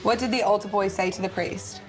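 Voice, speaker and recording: A woman's voice: mid-range voice, steady tone, brisk, soft background music. A woman telling crude dad jokes as a contestant, asking the setup and then giving the punchline. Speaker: contestant in a try-not-to-laugh joke challenge.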